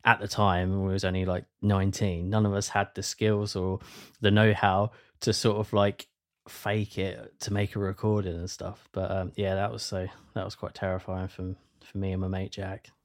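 A man's voice: deep voice, little pitch movement, moderate pace. Rambling man telling a story. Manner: rambling, many fillers and restarts. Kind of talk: casual spoken storytelling.

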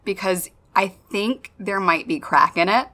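A woman's voice: mid-range voice, unhurried, bright, forceful tone. A woman co-hosting a podcast, chatting and telling stories casually in a silly, self-mocking way. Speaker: podcast co-host.

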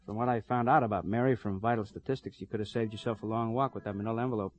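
An actor playing a cheerful, talkative middle-aged police partner with a joking manner in a 1950s radio drama. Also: male voice, fairly low pitch, steady tone, rapid-fire, darkish tone, close to an everyday voice. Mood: chatty.

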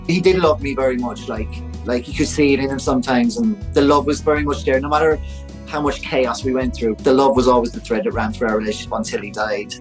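A man in his forties, a podcast guest telling a personal story in a chatty, animated way full of fillers. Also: medium pitch, quick pace, faint music behind, poor audio. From Ireland. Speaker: interview guest.

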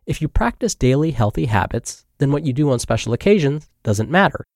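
Male podcast narrator, a bit stuffy-nosed, mid-pitched, steady read, dry close mic. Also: a little fast, vocal fry, no echo. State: congested. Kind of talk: reading blog articles aloud.

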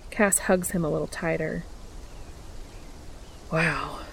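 A woman narrating a romantic story in a steady, even-toned reading. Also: lowish voice, unhurried, gravelly, slight background noise. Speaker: audiobook narrator.

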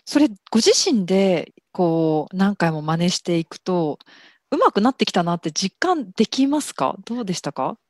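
A woman's voice: on the low side, sing-song, normal speed, no echo, clean studio sound. A woman hosting a casual interview, attentive and agreeable, with frequent short acknowledgements. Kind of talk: conversational interview.

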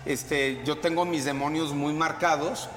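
A man's voice: on the high side, steady tone, measured pace, fairly bright tone, slight background noise. A man in his fifties with a Mexican accent, a guest telling a candid, reflective story with many fillers. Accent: Mexican Spanish. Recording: reverberant space with crowd chatter.

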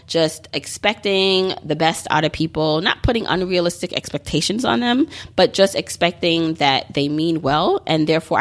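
A woman in her thirties hosting her own podcast, talking in a chatty, upbeat and encouraging way with plenty of "like" and "you know". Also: deep voice. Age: 30s. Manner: chatty, upbeat, motivational, many fillers. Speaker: podcast host. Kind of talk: solo podcast monologue.

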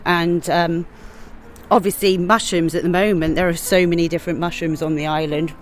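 A woman chef chatting casually outdoors as a podcast guest, lively and prone to laughing. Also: on the low side, moderate pace, slight background noise. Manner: chatty, animated, with frequent laughs. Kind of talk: casual chat. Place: outdoors on church steps.

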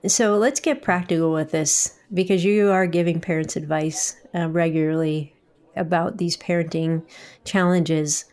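A woman's voice: fairly low pitch, steady tone, measured pace, a little mellow. A woman hosting an interview, asking direct, practical questions. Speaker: host.

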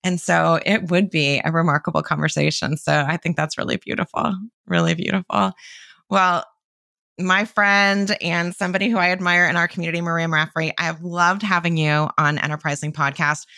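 A woman hosting a podcast interview, enthusiastic and quick to praise her guest. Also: on the low side, fairly even intonation, vocal fry, pushed and bright, dry recording, clean studio sound. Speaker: podcast host.

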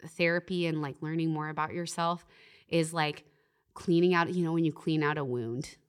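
A young woman speaks as a guest in a faith-based podcast conversation, earnest and reflective, often saying "like" and "you know." Her voice is low, clear and resonant, with fairly even intonation at normal speed.

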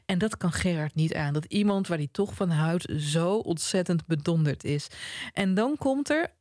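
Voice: mid-range voice, no room sound, studio quality. A podcast co-host with a Dutch accent, talking animatedly in a casual discussion about novels. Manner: animated, reads passages aloud slowly and softly.

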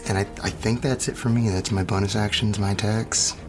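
A man's voice: fairly low pitch, fairly even intonation, fairly quick, music in the background. A man chatting casually as a player in a tabletop role-playing game, calling out his moves.

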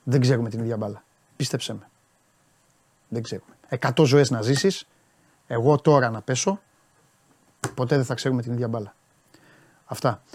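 A man's voice: medium pitch, pauses often, husky. A man talking football on a live stream, animatedly answering and scolding viewers' messages.

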